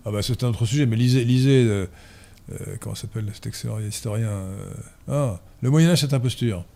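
A man's voice: mid-range voice, fairly quick, gravelly, mellow. A man hosting an interview, talking emphatically and digressively, correcting pronunciation with a pedantic streak. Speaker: host. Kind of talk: interview conversation.

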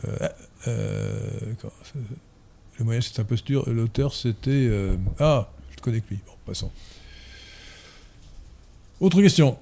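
Man, talk host, emphatic, digressive, pedantic, mid-pitched voice. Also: measured pace, vocal fry, long pauses, dark tone. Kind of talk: interview conversation.

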